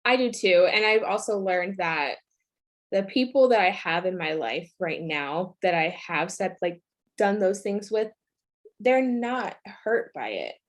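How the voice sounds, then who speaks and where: A woman's voice: medium pitch, expressive, measured pace. Woman co-host, sincere, laughs a lot, casual chat. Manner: earnest, laughs often. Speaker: podcast co-host.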